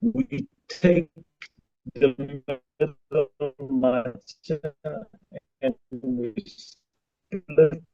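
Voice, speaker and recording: A rabbi teaches a class over a choppy group video call, his slightly high, warm voice swinging widely in pitch. He speaks haltingly and repeats himself whenever the line breaks up, and the dry recording sounds like muffled lo-fi internet call audio.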